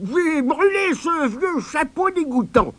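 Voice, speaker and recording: Grumpy old storybook grandma, shrill and swooping; male reader voicing her. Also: very animated, slow, fairly bright tone, no echo, heavily acted. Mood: curt.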